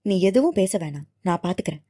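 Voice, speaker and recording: ஒரு பெண் குரல் மாற்றி பேசும் மென்மையான, அன்பான இளைஞன். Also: female voice, fairly low pitch, expressive, a little fast. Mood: soothing. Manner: soft, soothing, coaxing. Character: tender young man, protective and gentle. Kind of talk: audiobook character voicing.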